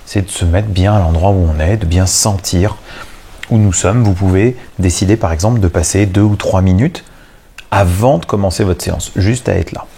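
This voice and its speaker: A man calmly leading a guided breathing exercise, speaking in measured short phrases with pauses. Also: low-pitched, gravelly, a little hiss or hum. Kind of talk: guided relaxation instruction.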